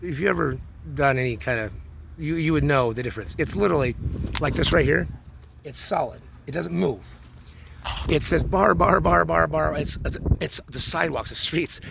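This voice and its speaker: A man's voice: a little high, creaky, noisy background. A man in his forties talking through a rambling personal monologue, full of restarts and repeated words. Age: 40s. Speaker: vlogger.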